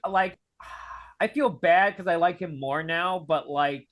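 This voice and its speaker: Brief: host, man, a touch high-pitched, halting "like"-filled speech, casual video call talk. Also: fairly bright tone. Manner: hesitant, filler-heavy with many "like"s. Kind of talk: casual film discussion.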